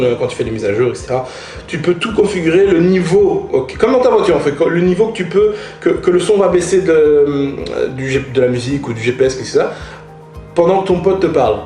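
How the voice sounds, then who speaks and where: Slightly high and mellow, this motorcycle vlogger's voice comes through with a roomy sound. He reviews gear in a casual, slangy way, stressing and repeating points for his viewers.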